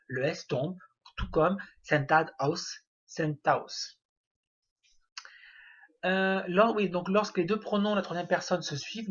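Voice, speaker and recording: A language teacher gives a spoken grammar lesson, walking through it step by step with plenty of hesitations and fillers. His voice is high with a breathy edge, captured on a dull, lo-fi recording.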